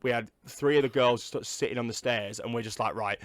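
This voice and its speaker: A man's voice: medium pitch, fairly even intonation, a little fast, dry recording. Rambling young man, dry close mic. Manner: rambling, swears, lots of fillers. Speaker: podcast co-host. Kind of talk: casual chat. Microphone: video call recording.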